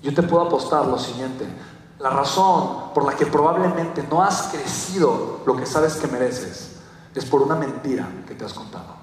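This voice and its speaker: A man's voice: medium pitch, lively intonation, normal speed, a little hiss or hum. A young Mexican man with a Mexican Spanish accent giving a motivational talk, telling a story and acting out quotes with animation. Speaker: motivational speaker. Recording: echoey hall from far off.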